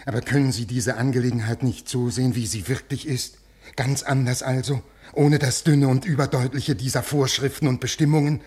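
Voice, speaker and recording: A man's voice: medium pitch, steady tone, brisk, lightly acted. An actor playing a desperate fifty-year-old man pleading with an official, in classic radio drama style. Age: 50s. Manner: pleading, swinging from quiet to raised.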